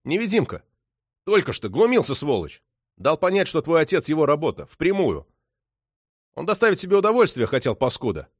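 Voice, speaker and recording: A man voicing a hot-tempered police detective who shouts, swears and threatens. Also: on the high side, wildly swooping pitch, fairly quick, no echo, studio quality, pitched above the performer's own voice. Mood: agitated.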